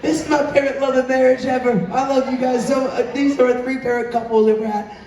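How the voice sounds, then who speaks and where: Male cruise director, upbeat teasing game show host, high mellow voice, distant echoey hall. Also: little pitch movement, fast, muffled recording. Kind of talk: live game show hosting. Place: large indoor show venue on a cruise ship. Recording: echoey hall, distant, faint background noise.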